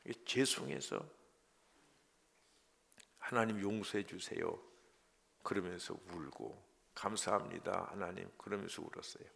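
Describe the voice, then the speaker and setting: A middle-aged man preaching a sermon as a pastor, emotional, moving from loud pleas to hushed whispered prayers. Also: fairly low pitch, gravelly.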